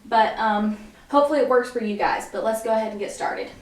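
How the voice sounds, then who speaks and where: A woman's voice: fairly high pitch, fairly quick. A young woman casually teaching a dance routine step by step, with lots of fillers and sung lyric snippets. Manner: chatty, frequent fillers, sings lyric snippets while demonstrating. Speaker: dance instructor. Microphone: camera mic at a distance. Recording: echoey room, far from the mic.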